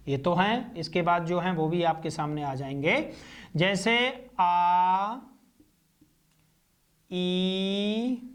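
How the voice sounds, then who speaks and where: A male teacher with a Hindi accent gives a classroom lecture, drawing out each vowel sound and answering his own questions. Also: high voice. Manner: asks questions and answers them himself.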